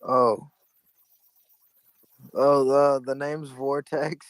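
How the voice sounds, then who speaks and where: A man's voice: mid-range voice, little pitch movement, drawn-out words, no echo, low-quality recording. A man playing in a tabletop game over a voice call, laid-back and a bit hesitant. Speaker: player. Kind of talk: casual tabletop game chat. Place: online voice call.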